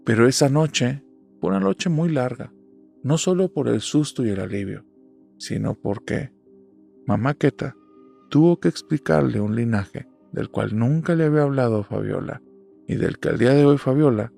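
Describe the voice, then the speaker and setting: A man's voice: medium pitch, normal speed, vocal fry, warm tone. A man narrating a horror story in a suspenseful, dramatic telling. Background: faint music.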